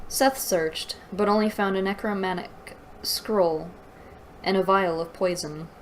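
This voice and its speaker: A fairly low-pitched woman hosts a book review, reading passages aloud and reacting with exasperated, mocking disbelief. There's a slight hiss or hum on the audio.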